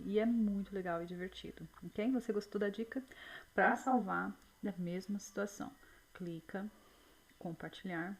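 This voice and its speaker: A woman teaching a screen-recorded software tutorial in a chatty way, full of diminutives and check-ins with the viewer. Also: mid-range voice, husky, poor audio.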